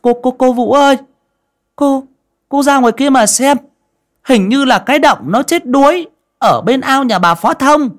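A man's voice: extremely high pitch, expressive, a little slow, voice pushed up. A man voicing a frightened village boy who stammers out urgent news. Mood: panicked. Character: panicked, breathless village boy.

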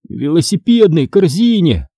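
A man's voice: a little high, big pitch swings, moderate pace, mellow, husky, dry recording, clean studio sound, voice pushed up, exaggerated voice. Man doing a whiny clumsy young boy. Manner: whining and protesting.

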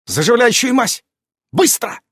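A man reading an audiobook, voicing a commanding adult witch woman who barks sharp, scolding orders. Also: high voice, very animated, a little slow, slightly rough, no room sound, clean studio sound, pitched above the performer's own voice, full character voice.

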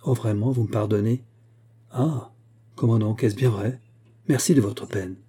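A man voicing an insolent young shop clerk who talks sarcastically, in a husky voice. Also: on the low side, steady tone, unhurried, mellow. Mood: mocking. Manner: sneering, sarcastic.

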